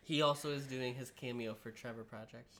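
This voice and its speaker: A woman's voice: very deep voice, fairly even intonation, a little fast. A woman co-hosting a podcast in casual chat, musing and often trailing into a murmur. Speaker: podcast co-host.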